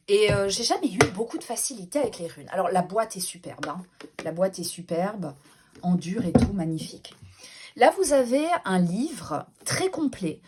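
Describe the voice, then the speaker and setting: A woman's voice: mid-range voice, a little mellow. A woman, chatting casually as she presents her collection in a vlog, with frequent hesitations and self-corrections. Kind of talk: casual show-and-tell vlog.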